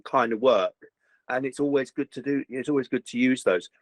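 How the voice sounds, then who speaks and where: Speaking briskly in a medium pitch, this voice actor is an animated interview guest who restarts often and leans on "you know." He's recorded in a home booth; there's no room sound, but the audio is poor.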